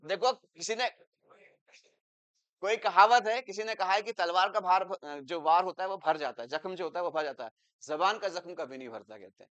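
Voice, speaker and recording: A man teaching an English grammar lesson in Hindi, explaining with English examples and turning loud and emphatic when he makes a point. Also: sits high, moderate pace, lo-fi sound. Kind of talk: classroom lecture.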